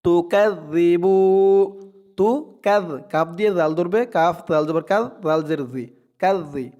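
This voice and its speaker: Guy teaching quran reading, slow and careful, chants the verses and has you repeat. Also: sits high, a little mellow, muffled recording. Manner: slow, drawn-out chanting of verses between quick explanations; repeats syllables for learners to follow. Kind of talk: tajweed lesson, spelling out and reciting.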